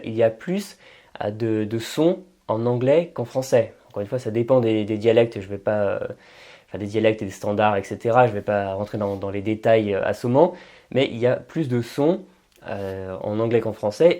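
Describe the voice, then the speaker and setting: A man with a mellow, warm tone explains a language topic in an unscripted, conversational way. He thinks aloud, stumbling over words and restarting phrases as he goes. His pitch sits in an ordinary middle range. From France. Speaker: language teacher. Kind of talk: casual explanatory talk.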